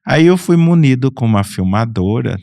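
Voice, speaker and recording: A middle-aged Brazilian man, a Franciscan friar and priest, tells the story of his life in a relaxed, unhurried way, frequently restarting and correcting himself. His voice is mid-range and creaky, captured with clean studio sound and no echo.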